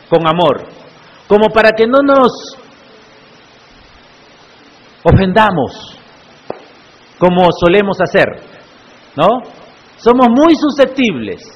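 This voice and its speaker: A male pastor preaching a sermon in church, often putting rhetorical questions to the congregation. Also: high voice. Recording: echoey church hall, muffled lo-fi sound.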